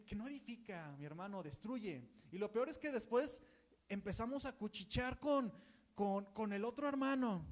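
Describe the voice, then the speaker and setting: A man with a Mexican Spanish accent preaching a conversational sermon and acting out the voices of gossiping churchgoers. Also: sits high.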